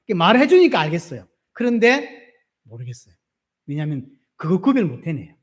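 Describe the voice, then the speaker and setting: Lively, high-voiced Gyeongsang pastor preaching. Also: male voice, brisk. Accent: Gyeongsang Korean. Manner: animated, asks the congregation questions and answers them himself. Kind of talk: sermon.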